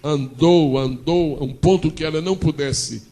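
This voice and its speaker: Brief: Brazilian male pastor, gravelly voice, fairly high-pitched, animated call-and-response sermon. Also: normal speed. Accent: Brazilian Portuguese. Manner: dramatic storytelling with call-and-response.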